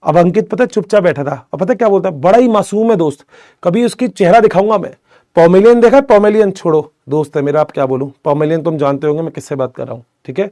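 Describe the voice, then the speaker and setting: Chatty young male biology teacher, high voice. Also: fast, warm tone, no room sound, studio quality. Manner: chatty, addresses students as beta, jokes often. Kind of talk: casual classroom lecture with storytelling.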